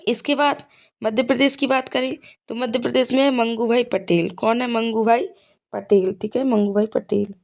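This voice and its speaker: A woman teaches an exam revision lesson at normal speed, her fairly high voice gravelly, a little mellow, and steady in tone. She shares memory tricks, repeats key points, and frequently checks in with "ठीक है."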